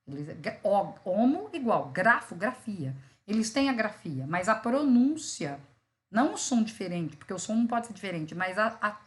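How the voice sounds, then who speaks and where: Lively-voiced Brazilian woman teaching. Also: mid-range voice. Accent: Brazilian Portuguese. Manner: explains with examples, many fillers like "né" and "tá". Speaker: law school teacher. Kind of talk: online lecture on vocabulary.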